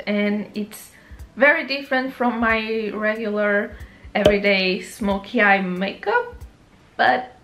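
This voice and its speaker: This young adult beauty vlogger has a Portuguese accent and a slightly high, somewhat bright voice with a faint hiss or hum in the audio. Filmed close up on camera in a small bedroom, she chats through a makeup tutorial, rambling off on asides and often correcting herself.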